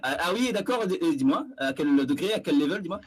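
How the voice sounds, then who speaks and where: Husky man arguing and stammering. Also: on the high side, lively intonation, quick pace. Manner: argumentative, stammers and repeats words, teasing. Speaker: streamer defending his views. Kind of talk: heated online voice-chat debate.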